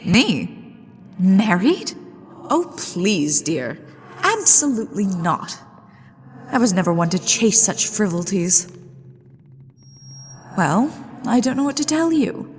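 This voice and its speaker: A woman's voice: medium pitch, big pitch swings, slow, long pauses. A woman playing a flirtatious, mischievous, genteel ghost lady of a haunted manor in an ASMR roleplay, with a coy, aristocratic, teasing delivery. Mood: flirtatious, curious. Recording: long echoing reverb with music behind. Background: music.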